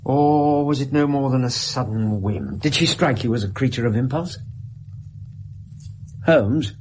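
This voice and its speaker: An actor playing Doctor Watson, an earnest, cautious, questioning gentleman with a British accent, in a radio drama. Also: medium pitch, unhurried, slight background noise, close to an everyday voice. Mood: curious.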